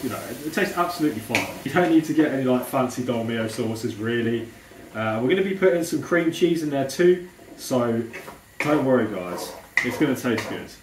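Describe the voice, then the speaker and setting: A man gives a casual, chatty cooking tutorial, saying w in place of r. His voice sits at an average male pitch. It is picked up from a distance in a roomy kitchen, with faint noise behind it. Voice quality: speech impediment, says w for r. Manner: chatty, informal, addresses viewers directly. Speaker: home cook presenting a recipe video. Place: indoors in a kitchen.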